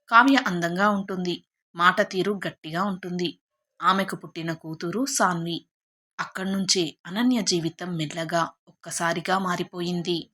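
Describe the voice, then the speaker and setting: A woman reads a family tale in a lowish voice. She keeps an even, steady storytelling flow, as in a read-aloud storybook. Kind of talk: scripted storybook narration.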